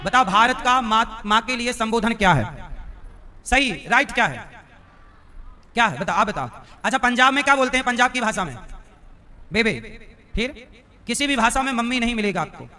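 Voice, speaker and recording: At a live religious gathering, a preacher teases and quizzes his listeners directly as he delivers a devotional discourse. He speaks in a very high, pushed and bright voice, animated at a normal speed with frequent pauses.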